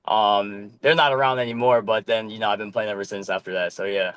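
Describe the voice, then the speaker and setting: A young man born in Korea, a podcast guest talking casually about playing flag football, with a relaxed manner and plenty of ums. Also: lowish voice, a little fast, clear, resonant tone, no room sound. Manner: relaxed, loose, with many ums and casual swearing. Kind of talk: casual chat.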